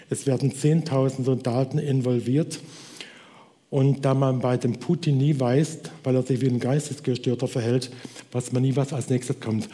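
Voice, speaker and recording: Mellow-voiced man preaching in a hall. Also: medium pitch. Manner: earnest, exhorting, slows for emphasis. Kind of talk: sermon. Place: church hall. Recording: long reverb of a hall.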